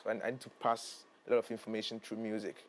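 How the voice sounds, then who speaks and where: A man's voice: fairly low pitch, little pitch movement, quick pace, slight background noise. A young man from Ghana, a musician guest, speaking earnestly and hesitantly, often repeating himself. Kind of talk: casual interview chat.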